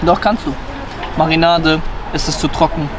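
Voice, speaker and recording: A man's voice: on the high side, fairly even intonation, normal speed. A young man hosting a casual street food vlog, talking with his mouth full while chewing, slangy and playful, outdoors on a busy city street. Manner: slangy, playful, talks straight to viewers. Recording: loud traffic noise outdoors. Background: loud street traffic.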